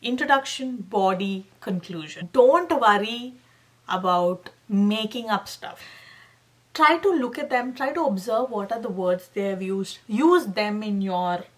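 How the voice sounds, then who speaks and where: A woman's voice: mid-range voice, unhurried. A young woman hosting a casual tutorial, talking animatedly and emphatically to her viewers, often calling them guys and checking in with okay. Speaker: channel host giving exam tips. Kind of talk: casual tutorial talk to camera.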